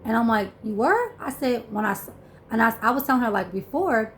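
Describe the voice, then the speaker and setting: A woman telling a shopping story in a vlog, animated and chatty, acting out what people said. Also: a little high, fairly quick, slight background noise. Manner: animated, acts out dialogue, many fillers. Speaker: vlogger.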